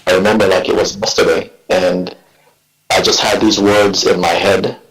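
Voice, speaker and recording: A man in his forties from Jamaica, speaking with a Jamaican accent, telling his story as a guest poet in a reflective, halting way. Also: deep voice, flat delivery, fairly bright tone. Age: 40s. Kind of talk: relaxed interview talk. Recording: echoey room.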